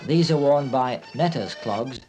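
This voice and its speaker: Male narrator for scripted documentary, mid-pitched, informative and measured, music underneath. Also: lively intonation, a little mellow.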